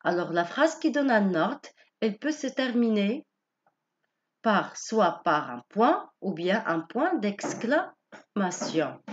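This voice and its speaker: Her pitch sitting in the medium range, a female teacher takes her time over a grammar lesson, her intonation lively and varied. She explains slowly and patiently, circling back to rephrase every point. Sound quality is lo-fi and muffled.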